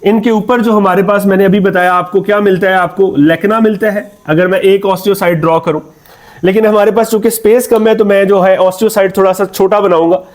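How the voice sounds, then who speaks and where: A Pakistani man with a high voice teaching a biology lecture. He keeps asking questions and answering them himself. He speaks to his students affectionately as "son". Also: fairly even intonation, brisk. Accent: Pakistani Urdu. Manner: repeats key terms in English. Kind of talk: classroom lecture.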